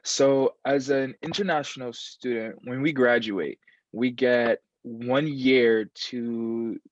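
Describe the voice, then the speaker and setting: A Guyanese man in his twenties talks casually as an interview guest, repeating himself and using many fillers. His mid-range voice is steady and slow, and the recording sounds dull and lo-fi with no echo.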